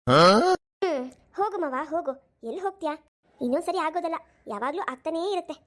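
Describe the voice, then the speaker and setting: A mischievous young cousin plays coy and teasing in this cartoon, voiced by a woman. Her voice is high and quick. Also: expressive, a bit bright. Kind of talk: cartoon voice acting.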